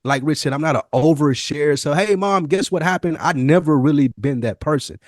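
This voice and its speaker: This podcast co-host is an American man whose fairly high voice moves at a brisk clip, captured dry and clean in a studio. His chat is loose and reflective, candid, slangy, and sometimes profane.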